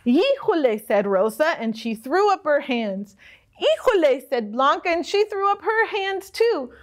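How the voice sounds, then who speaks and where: A woman's voice: high-pitched, big pitch swings. A woman librarian reading a picture book aloud at a children's storytime. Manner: slow, clear read-aloud for children.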